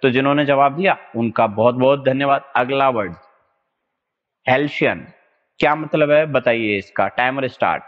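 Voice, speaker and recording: A man's voice: mid-range voice, normal speed. A man from India teaching English vocabulary for exam prep in a live online lesson, drilling words and checking that students follow. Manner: drills words, keeps asking "is that clear?". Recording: lo-fi with long room reverb.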